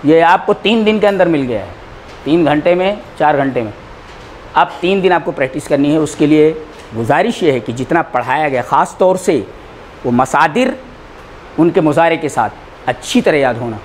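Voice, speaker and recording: A man teaching a class in a lecture style, repeating words slowly for students to write down. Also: a little high, a little hiss or hum. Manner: slow, repeats words for dictation. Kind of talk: classroom lecture, dictating notes.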